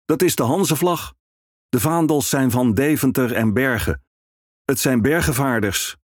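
A man reading a storybook, voicing a hearty, boisterous male ferryman in a raised, loud voice. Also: mid-range voice, unhurried, no room sound, clean studio sound, pitched above the performer's own voice, natural voice.

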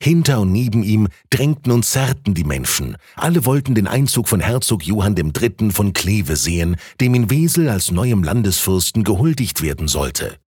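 Expressive husky male storyteller. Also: dry recording, studio quality. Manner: expressive storytelling with wide pitch swings. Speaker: narrator. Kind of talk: audiobook story narration.

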